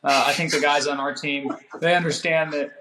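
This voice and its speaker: A man in his twenties, a former college player, talking casually about sports, haltingly repeating phrases for emphasis. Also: a little high, fairly even intonation, sharp tone. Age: 20s. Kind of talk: casual sports podcast conversation. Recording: roomy, echoey sound.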